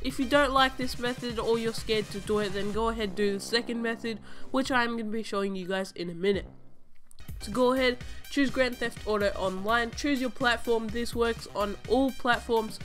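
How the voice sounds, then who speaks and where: A young woman who hosts a gaming channel records a casual voice-over at home over gameplay footage, chatting her way through a game tutorial and repeating each instruction step by step. She's sick with a cold and sounds stuffy-nosed. Her voice sits on the high side, a bit bright, at normal speed, with faint music in the background.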